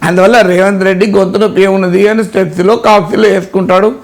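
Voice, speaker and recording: A man's voice: high-pitched, level tone, quick pace, vocal fry. A man giving political analysis, emphatic and ironic, piling up rhetorical questions. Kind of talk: spoken political commentary.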